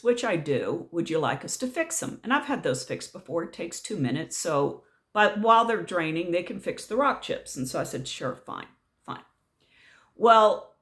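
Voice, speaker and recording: A woman's voice: medium pitch, a bit bright. A middle-aged woman vlogger telling a story in a casual rant, exasperated and sarcastic.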